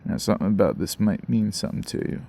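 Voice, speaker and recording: Low, gravelly man talking by a campfire. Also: quick pace, mellow, a little hiss or hum. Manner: slangy, rambling, musing. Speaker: host. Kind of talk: casual fireside monologue to viewers. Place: outdoors by a campfire.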